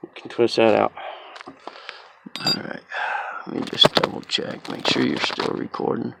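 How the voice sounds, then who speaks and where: A home mechanic with a stuffy, sniffly cold walks through a car repair outdoors in a yard on a slope, chatty, rambling, and self-deprecating. His voice is lowish, monotone, a little slow, and creaky, with a noisy background.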